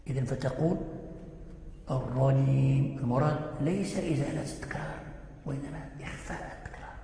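A man teaching the rules of Quran recitation, explaining in plain speech and chanting example words slowly. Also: a little high, darkish tone, slight background noise. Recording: echoey hall recording.

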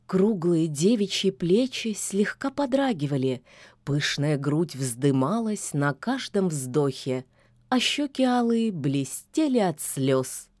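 A woman narrating a folksy fairy tale in an expressive storytelling manner. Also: fairly low pitch, slow, no echo, clean studio sound. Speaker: audiobook narrator.

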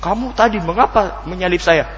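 A man voicing an angry, vengeful middle-aged male driver who grumbles in a gruff, indignant way. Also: sits high, a little fast, fairly bright tone, pitched above the performer's own voice. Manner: gruff, indignant colloquial muttering. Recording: long hall reverb, dull lo-fi sound.

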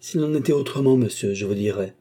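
A man voicing a calm, kindly older doctor who speaks with composed authority, in an audiobook reading. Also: mid-range voice, quick pace, slightly rough.

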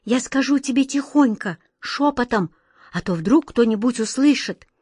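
A woman's voice: a little high, lively intonation, normal speed, a little mellow, breathy edge, no echo, studio quality, pitched above the performer's own voice. A woman doing a frightened pleading little girl. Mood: resolute. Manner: pleading, tearful, anxious.

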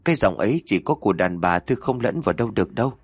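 A man's voice: fairly low pitch, animated, racing, breathy edge, no echo. A jittery young sidekick, voiced by a man narrating a horror tale stutters and trembles as he speaks. His words catch and repeat, and his voice leaps up and down. The sound is close and dry. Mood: frightened. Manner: stammering, trembling. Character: timid frightened young male sidekick.

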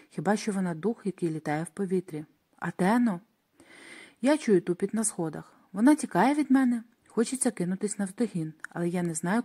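A woman reads a first-person audiobook aloud at a mid pitch. Her delivery is dramatic and expressive, and she leans into the tense moments. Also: husky. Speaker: audiobook narrator.

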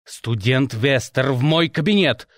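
A man's voice: medium pitch, unhurried, no room sound, studio quality, natural voice. A man voicing a stern, angry middle-aged male academy rector who gives cold, clipped orders.

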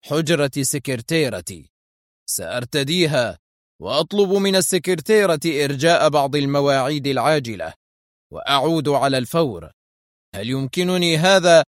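Man putting on a high, loud, furious lawyer, slow indignant shouting, dry close sound. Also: no room sound, natural voice. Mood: nervous, irritable. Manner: angry, shouting protests. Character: indignant, short-tempered male lawyer.

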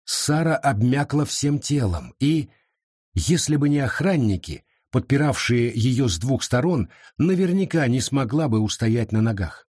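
A man narrating a historical novel as an audiobook in a dramatic, expressive reading. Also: mid-range voice, unhurried, husky, dry recording, clean studio sound. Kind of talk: scripted narration.

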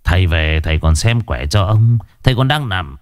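A man voicing a scheming, gruff old village chief who commands his servant in a deep, low tone. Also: animated, moderate pace, dry recording, studio quality. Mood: falsely jovial. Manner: commanding, gruff, falsely jovial.

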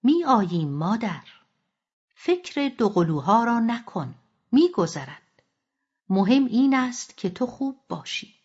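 A woman voicing a caring young daughter who speaks gently and reassuringly, in a slightly dull recording. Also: a little high, very animated, pauses often, slightly rough, voice pushed up.

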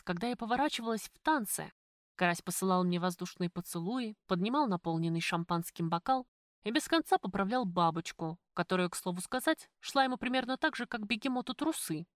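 A woman narrating a first-person audiobook in a lively, conversational storytelling manner. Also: medium pitch, no room sound, clean studio sound.

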